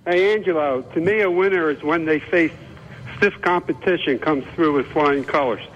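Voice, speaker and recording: A man's voice: fairly high pitch, normal speed, slight background noise. A man calling in to a radio show, speaking plainly and earnestly. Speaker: radio caller. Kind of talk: phoned-in radio call. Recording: dull, echoey phone line.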